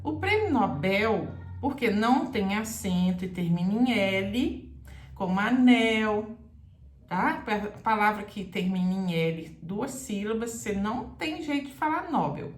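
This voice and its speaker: A woman's voice: mid-range voice, lively intonation, unhurried. A woman Portuguese teacher giving a careful, explanatory grammar lesson straight to the viewer. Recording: echoey room.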